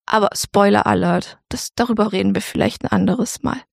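A woman's voice: medium pitch, steady tone, fairly quick, creaky, no echo, studio quality. A woman giving a casual spoken devotional talk, colloquial and repeating phrases like a mantra.

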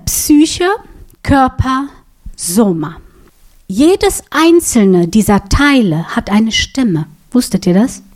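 A woman preaching a sermon, teaching with a prop and asking her listeners questions. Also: fairly high pitch. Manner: asks the audience questions, lively.

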